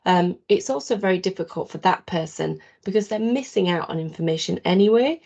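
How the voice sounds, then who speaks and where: A woman's voice: fairly low pitch, fairly quick, gravelly, dark tone, muffled recording. A woman presenting an awareness talk to students over a video call, patient and explanatory, putting questions to her listeners.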